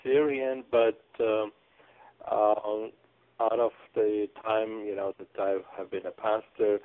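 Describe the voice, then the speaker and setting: Low, slow-talking man on a phone line. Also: level tone. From Iran. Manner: halting, many fillers and restarts. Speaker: pastor. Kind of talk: radio interview, answering questions. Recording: phone-like narrow band.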